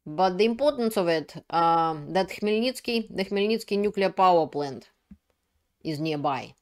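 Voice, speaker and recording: A woman's voice: fairly low pitch, expressive, a little slow, a little mellow. A middle-aged woman from Russia with a Russian accent, hosting her own channel and explaining news in an earnest way, with frequent fillers and restarts. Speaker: channel host. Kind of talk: solo commentary video.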